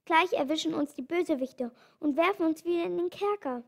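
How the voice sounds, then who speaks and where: A frightened little piglet from a children's storybook, whining in slow, stretched-out wails, as a woman reading the tale puts him on. The voice is pitched high and lifted above an ordinary speaking voice. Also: gravelly. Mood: wailing, scared. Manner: wailing, drawn-out complaint. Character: small frightened male piglet.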